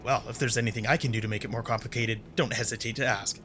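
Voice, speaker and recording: A man's voice: medium pitch, fairly even intonation, quick pace. A man giving casual, sarcastic commentary while playing a video game. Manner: sarcastic, chatty. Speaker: gameplay commentator. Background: faint game music.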